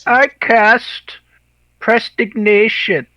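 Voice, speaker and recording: A man's voice: sits high, flat delivery, slow pace, pushed and bright, no room sound, muffled recording. A man chatting casually as a player in a tabletop game, wisecracking and heckling the others. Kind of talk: casual joking game chat.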